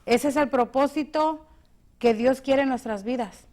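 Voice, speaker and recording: A woman's voice: high voice, unhurried, a little mellow. A woman co-hosting a devotional show, steadily explaining and reading Bible verses aloud. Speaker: co-host.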